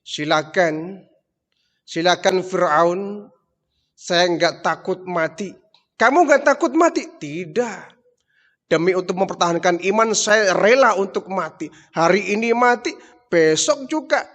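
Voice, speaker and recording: A man's voice: sits high, a little slow, fairly bright tone. A preacher voicing a steadfast woman of faith. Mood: defiant. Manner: firm, declaring, unafraid. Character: steadfast devout woman servant, defiant, calm. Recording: long hall reverb.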